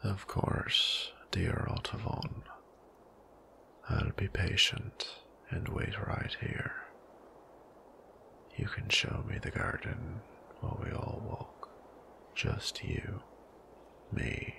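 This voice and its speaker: In this ASMR roleplay, a man takes on the part of a sly, ancient vampire who teases and menaces in a slow, creaky, silky whisper. The deep voice stays steady in tone and is heavily acted.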